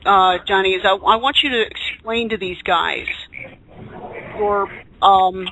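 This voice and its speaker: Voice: mid-range voice, a little slow, gravelly, bright, forceful tone, highs cut off, slight background noise. A host of a live group talk show, chatting and introducing people with a showman's flourish.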